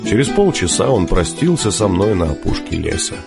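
A man narrating an audiobook in a measured, expressive way. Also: deep voice, vocal fry, over music. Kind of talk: scripted narration.

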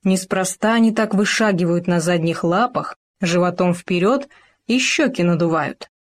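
A woman narrating an animal fairy tale in a measured, expressive storytelling style. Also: on the low side.

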